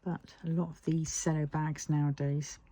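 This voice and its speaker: A British woman chatting casually while crafting, musing half to herself in a husky, breathy voice. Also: sits low, level tone, normal speed, dark tone.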